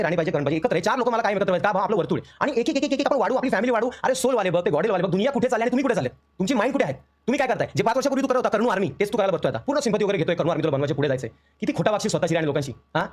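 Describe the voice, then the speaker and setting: A young man, venting on a live stream in an emotional, aggrieved rush. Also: high voice. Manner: emotional, aggrieved, rapid storytelling. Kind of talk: heated live-stream rant.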